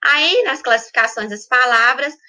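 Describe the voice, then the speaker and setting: A woman teacher with a Brazilian Portuguese accent, going through a recorded school lesson, drawing out each word slowly and often checking in with the students. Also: high voice, expressive, pushed and bright. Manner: slow, drawn-out spelling of words with frequent check-ins.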